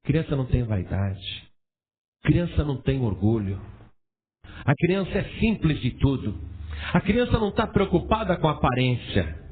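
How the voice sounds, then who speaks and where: A man preaching a sermon as a pastor, animated and asking his congregation rhetorical questions. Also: fairly high pitch, normal speed, long pauses, slight background noise. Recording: tinny phone-like sound.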